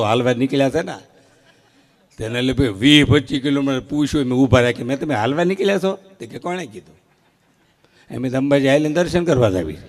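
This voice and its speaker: A man doing live comic storytelling at a folk stage show, acting out short quoted exchanges with lively timing. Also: mid-range voice. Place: live outdoor stage event before an audience.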